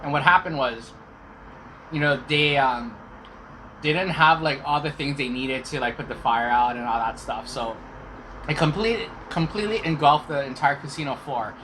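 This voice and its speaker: Middle-aged man, casual storytelling, talking while chewing, clear background noise. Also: fairly high pitch, normal speed, bright, forceful tone, low-quality recording. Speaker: vlog host telling personal stories.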